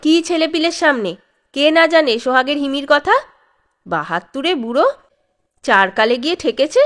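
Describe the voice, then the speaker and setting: A woman voicing a sharp-tongued middle-aged mother who scolds her old father-in-law loudly. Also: lively intonation, normal speed. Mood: scolding. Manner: shrill, loud, scolding.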